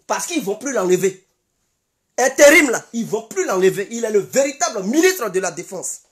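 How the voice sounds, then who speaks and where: A woman with an Ivorian French accent delivers an impassioned political commentary monologue in a mid-range, sing-song voice, a little fast. She is emphatic and keeps repeating insistent declarations.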